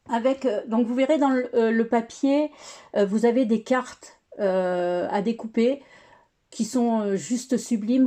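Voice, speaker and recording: A chatty woman walks through her crafting project in a relaxed tutorial. Her voice sits a little high yet sounds mellow and dark-toned. She talks hesitantly, stacking fillers and restarting her sentences. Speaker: scrapbooking crafter showing her work.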